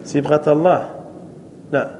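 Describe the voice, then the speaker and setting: A man, a sheikh teaching a classroom grammar lesson, quizzing his students and drawing out examples slowly. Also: on the high side, fairly even intonation, warm tone, a little hiss or hum.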